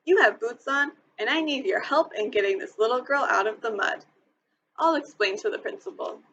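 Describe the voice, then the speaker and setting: A woman voicing a kind but firm kindergarten teacher in a storybook reading, gentle and patient. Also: fairly high pitch, animated, normal speed, lo-fi sound, slight background noise. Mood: urgent.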